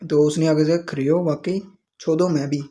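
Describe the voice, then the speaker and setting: A man's voice: on the high side, steady tone, moderate pace, mellow. A man teaching a language lesson, explaining the dialogue word by word. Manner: explains word by word, with frequent restarts.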